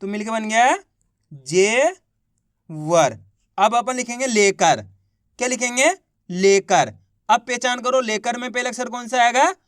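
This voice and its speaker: High-voiced man teaching spelling patiently. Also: steady tone, brisk, fairly bright tone, clean tone, no echo, studio quality. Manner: patient, repeats each word and quizzes viewers. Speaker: Hindi teacher. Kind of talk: online spelling lesson.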